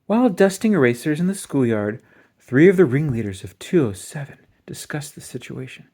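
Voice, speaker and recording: Husky, animated storybook reader. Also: medium pitch, moderate pace. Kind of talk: expressive children's read-aloud narration.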